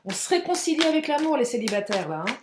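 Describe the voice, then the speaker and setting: A woman giving a casual, chatty tarot card reading to her viewers, expressive and frank, with frequent exclamations. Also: sits high, quick pace, reverberant, background noise. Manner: frank and outspoken. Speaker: tarot and oracle card reader.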